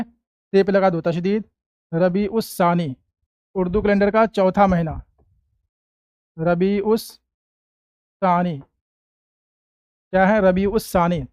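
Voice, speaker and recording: A man with a high, smooth voice teaches a class-style lesson. He drags out each word, asks a question and answers it himself, over and over. The sound is dry and close, with no room in it. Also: darkish tone, dry recording, dull audio. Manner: slow, drawn-out repetition of each word, asking and answering his own questions.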